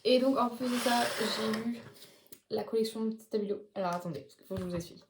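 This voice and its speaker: A woman's voice: a little high, fast talker, echoey room, background noise. A teenage girl chatting casually in a haul vlog from her bedroom, filling her talk with lots of casual filler words. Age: late teens. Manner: chatty, many fillers like "genre" and "du coup". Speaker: vlogger. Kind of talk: casual haul video chat.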